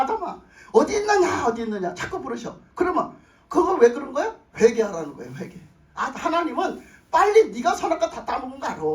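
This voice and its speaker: A pastor preaching a sermon emphatically, repeating phrases and putting questions to the congregation. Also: sits high. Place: church sanctuary with congregation. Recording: roomy echo, voice far from mic.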